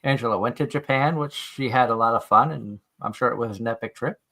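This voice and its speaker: A man's voice: mid-range voice, a little fast, gravelly, bright, forceful tone. A man hosting a live stream in casual chat, reading out comments from viewers. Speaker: stream show host.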